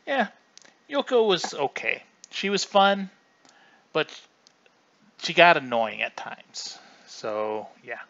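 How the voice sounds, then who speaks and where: A man's voice: fairly high pitch, very animated, slow pace, gravelly, long pauses, fairly bright tone, highs cut off. A man hosting a casual livestream, chatty and rambling, often restarting mid-sentence. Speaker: livestream host.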